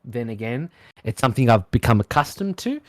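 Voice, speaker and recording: A man debating informally in a halting, lecturing way, with rather formal wording. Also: medium pitch, big pitch swings, no room sound, studio quality.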